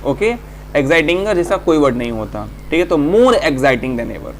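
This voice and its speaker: Male grammar teacher, fairly high voice, slow English, rapid Hindi, quiet hum in the room. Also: very animated. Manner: reads English examples slowly, explains in quick Hindi; asks students questions and answers them himself. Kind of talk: exam-prep grammar lesson.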